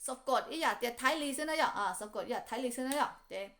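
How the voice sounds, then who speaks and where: Woman slowly spelling out syllables. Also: on the high side, fairly bright tone. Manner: repeats syllables slowly, many fillers. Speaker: language teacher. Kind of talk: slow spelling lesson.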